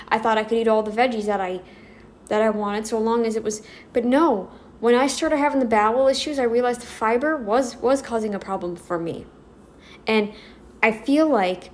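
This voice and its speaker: A North American woman rambling through an emphatic opinion commentary, speaking straight to her viewers. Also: a little high. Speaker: commentary vlogger.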